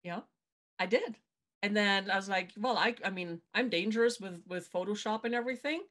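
On a webcam video call from her dark-backdropped home room, a middle-aged German podcast host gives a motivational interview. She speaks a little fast in a mid-range, somewhat bright voice, and leans on repetition to stress her key advice.

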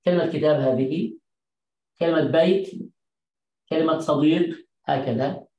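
A woman teaching an Arabic class, explaining patiently with repetition and stretching out word endings slowly so students can hear them. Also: sits low, dark tone. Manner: slow, drawn-out enunciation of word endings. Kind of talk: language lesson. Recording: echoey room.

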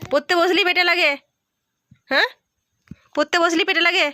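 A high-pitched woman tutors a small child at home, her voice bright and ringing. She coaxes and repeats her questions, then sighs and scolds as her patience wears thin. The sound is close and dry. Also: fairly even intonation, moderate pace, no room sound. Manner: coaxing then exasperated, sighing and scolding. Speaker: mother tutoring her young son.

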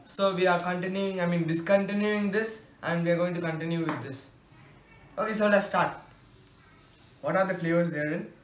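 A man's voice: high-pitched, moderate pace. Teenage guy in an echoey room. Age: teens. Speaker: food challenge host. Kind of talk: casual chat to camera while tasting. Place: small bare room indoors. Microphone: camera a short distance away. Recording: echoey room, faint hiss, distant camera mic.

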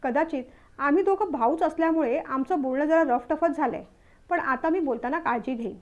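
A woman's voice: sits high, normal speed, dull audio, natural voice. Woman voicing a young newlywed husband. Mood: gentle, apologetic. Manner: snappy when irritated, soft when apologizing. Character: young newlywed husband, short-tempered yet caring.

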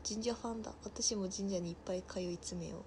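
A woman in her twenties with a Nagasaki dialect, chatting casually on a livestream and reading viewers' comments aloud, often trailing off into soft mutters. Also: medium pitch, fairly even intonation, fast talker, background noise. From Nagasaki, Japan. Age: 20s. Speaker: livestream host.

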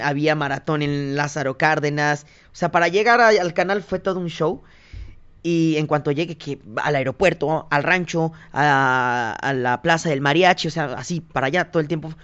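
A man's voice: a little high, clear, resonant tone. A young man with a Mexican Spanish accent, telling stories as a podcast guest and acting out other people's lines. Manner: animated, quotes others in lively asides. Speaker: guest, singer and TV reporter. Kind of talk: casual interview storytelling. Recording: dull lo-fi podcast audio.

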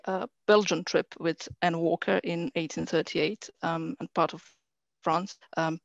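Flat-pitched woman from Croatia, creaky voice. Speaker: archive transcriber, panelist. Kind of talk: conversational panel remarks. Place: indoors, on a video call. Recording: muffled, roomy video call.

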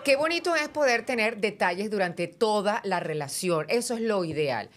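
A woman's voice: medium pitch, animated, normal speed, some chatter behind. A Venezuelan woman co-hosting a relationship chat, earnest while she gives advice. She keeps reining in her joking partner with mild scolding. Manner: warm-hearted advice, gently scolding. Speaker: co-host.

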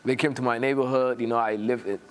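A young man from Somalia speaks as a guest on a TV studio set, close on a lapel mic. His talk is soft and hesitant, full of "you know" and restarts, at a middling pitch. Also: steady tone, fast talker, a little hiss or hum. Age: young adult. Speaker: actor guest. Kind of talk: studio interview.

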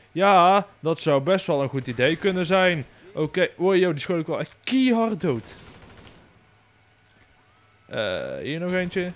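Young Dutch male gamer: excitable, swearing commentary with shrieks, pitched a bit high and very animated. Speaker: gaming YouTuber. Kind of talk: casual gameplay commentary.

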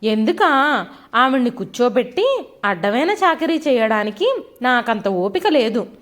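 Storybook nagging wife, high and animated, read by a woman. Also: normal speed. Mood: scolding. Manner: nagging, sarcastic, loud. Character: quarrelsome middle-aged wife, sharp-tongued.

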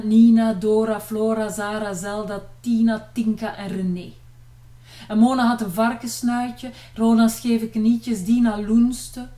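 A middle-aged Flemish woman reads a storybook aloud in an unhurried, lilting way, her voice sitting a little high. She sounds set back from the mic in an echoey room. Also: recorded from a distance. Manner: playful, lively storytelling, voices for the sisters. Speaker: children's book author reading aloud.

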